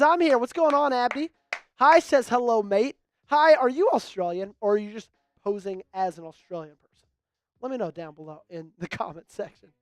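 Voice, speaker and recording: A man hosting a live-streamed sports talk show, upbeat and rattling off shout-outs to viewers. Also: very high voice, no echo, clean studio sound. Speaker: host.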